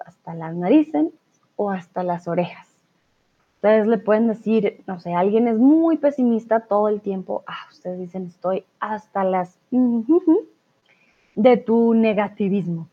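A woman with a Colombian accent teaches a live online Spanish lesson, explaining slowly and patiently and checking in with students through frequent "¿vale?" prompts. Her medium-pitched voice is animated with a breathy edge, and the audio sounds tinny, like a phone.

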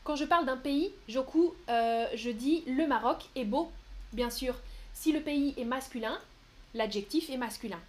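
A high-pitched woman hosts a live French lesson, reading chat questions and explaining grammar slowly with plenty of examples. She pauses often with little fillers and keeps a friendly, easygoing teaching manner. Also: darkish tone. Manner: patient, explains slowly with examples and frequent "euh"; playful, laughs at her own mistakes. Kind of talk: live-stream language lesson.

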